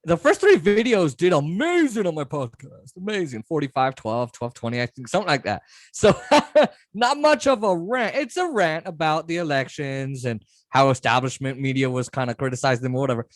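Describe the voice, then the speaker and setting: A man with a fairly high voice that moves around a lot in pitch. He hosts casually, commenting on clips in amused, easygoing chatter, with very little room sound. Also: very animated, fairly quick, dry recording, clean studio sound. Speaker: podcast host.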